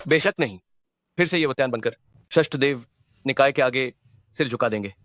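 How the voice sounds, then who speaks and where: A man's voice: medium pitch, moderate pace, a bit bright, natural voice. Man playing a sly scheming henchman. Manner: smooth, conspiratorial, placating.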